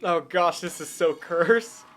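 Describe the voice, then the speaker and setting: A woman giving casual live game commentary as a streamer, excitable, swinging between muttered asides and loud shrieks. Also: lowish voice, slow, soft background music.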